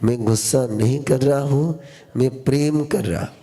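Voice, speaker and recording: A man's voice: mid-range voice, mellow. A man giving a sermon as a spiritual teacher, teaching in short repeated phrases and quizzing his listeners. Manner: slow, repetitive call-and-response teaching, quizzing listeners. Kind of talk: sermon to a live audience.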